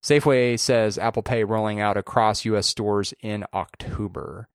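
A man's voice: lowish voice, steady tone, normal speed, clear, resonant tone, no room sound, studio quality. A man co-hosting a podcast, chatting casually about tech news and often restarting his phrases. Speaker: podcast co-host.

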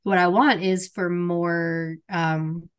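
A woman's voice: fairly low pitch, fairly even intonation, takes it slowly, clear, resonant tone. A woman co-hosting a podcast, casually recounting favorite film scenes with lots of "like" and "um". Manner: enthusiastic, rambling, lots of "like" and "um". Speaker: podcast co-host. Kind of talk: casual book and film chat.

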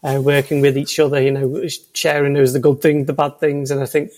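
A man from Liverpool, England, a senior consultant appearing as a podcast guest, talks in a casual interview with a Liverpool accent. His darkish, medium-pitched voice moves little in pitch and runs a bit fast, and he's hesitant, full of ums and restarts.

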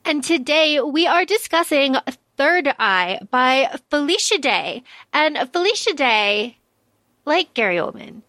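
A woman with a high, crisp and bright voice hosts a casual fandom podcast. She talks playfully and with emphasis. The recording is dry, with hardly any room sound. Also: sing-song, slow, no echo. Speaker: podcast host.

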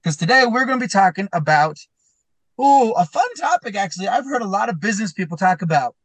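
A man's voice: high voice, lively intonation, fast, fairly bright tone, slightly rough, dry recording. Man with a tinny laptop-mic voice. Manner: rambling, restarts sentences often. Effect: tinny sound from a laptop's built-in mic. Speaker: podcast host, school counselor. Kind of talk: casual chat. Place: inside his van while traveling. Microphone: laptop built-in mic.

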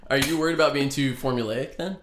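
A man's voice: medium pitch, quick pace, a loud crowd. A man hosting a podcast, asking curious, meandering questions in a casual interview chat. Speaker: podcast host.

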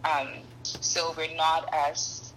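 Thoughtful young woman, bright voice. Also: sits low, flat delivery, very slow, slight background noise, rough recording. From Ghana. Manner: thoughtful, frequent ums and restarts. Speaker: podcast guest. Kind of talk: conversational interview.

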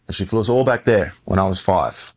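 This deep-voiced man in his forties, US-born but raised in Western Australia, has an Australian accent. As a podcast guest in a casual interview, he recounts his life story in a rambling, self-correcting way, sounding expressive and a little fast.

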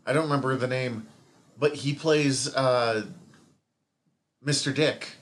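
A man's voice: mid-range voice, takes it slowly. A man co-hosting a podcast in casual chat, rambling and swearing freely. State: hiccups from eating. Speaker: podcast co-host.

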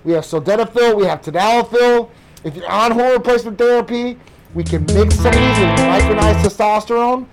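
An American man hosting an energetic talk show, speaking emphatically with his voice muffled by a face mask. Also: sits high, brisk, soft background music. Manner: emphatic, repetitive, addresses listeners as guys. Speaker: podcast host.

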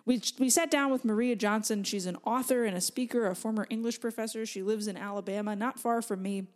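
A woman's voice: a little high, brisk. A woman hosting a podcast, introducing her guest and asking questions in an upbeat, conversational way. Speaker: podcast host.

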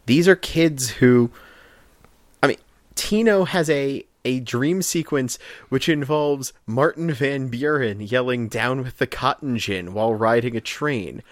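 Eager podcast guy breaking down a cartoon, dry close mic, middle pitch. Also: a little slow, no echo. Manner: enthusiastic, analytical, with frequent restarts. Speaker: podcast co-host. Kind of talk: casual chat reviewing a cartoon.

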